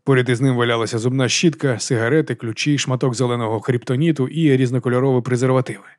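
A man reading a novel aloud as an audiobook narrator, in brisk, even storytelling. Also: medium pitch, no echo, studio quality.

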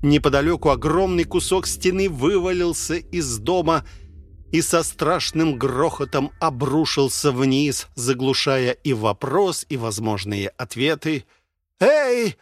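A man narrating an audiobook in an even, measured reading. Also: fairly high pitch. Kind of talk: scripted narration.

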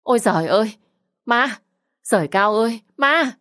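A woman voicing a fussy middle-aged aunt who scolds in a shrill, rapid voice. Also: darkish tone, lightly acted. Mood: terrified.

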